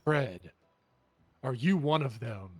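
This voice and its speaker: A man in an improvised courtroom role-play, putting deliberate, formal, pointed questions. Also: medium pitch, animated, a little mellow, no echo.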